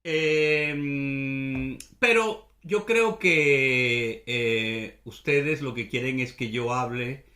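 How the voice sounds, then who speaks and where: A man from Venezuela with a Venezuelan Caribbean accent, hosting a Spanish-language show in a relaxed monologue, rambling and thinking aloud with many hesitations. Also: mid-range voice, drawn-out words, roomy sound. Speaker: Spanish language podcast host.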